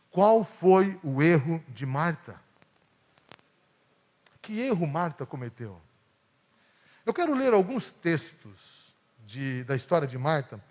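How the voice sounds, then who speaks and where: A male pastor from Brazil preaching a sermon, swinging between emphatic peaks and hushed asides. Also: a little high. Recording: long church hall reverb.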